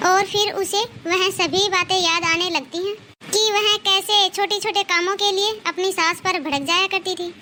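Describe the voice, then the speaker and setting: A woman's voice: extremely high pitch, fairly even intonation, moderate pace, sharp tone, a little hiss or hum. A woman giving scripted storybook narration for a cartoon.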